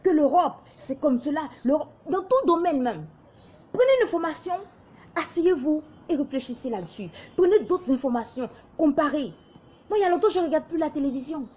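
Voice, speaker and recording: A woman's voice: high voice, lively intonation, brisk, a little mellow, highs cut off. A young woman from Ivory Coast with a light Ivorian accent, delivering an impassioned, lecturing monologue to camera. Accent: light Ivorian French. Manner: lecturing, exhorting, mimics others in quoted asides. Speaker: online commentator.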